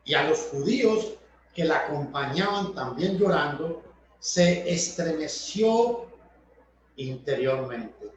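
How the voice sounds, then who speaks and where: Slow high-voiced preacher in an echoey hall. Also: male voice, slight background noise. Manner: explanatory, repeats and rephrases points. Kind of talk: Bible study sermon. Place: church hall. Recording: echoey, distant, dull church recording.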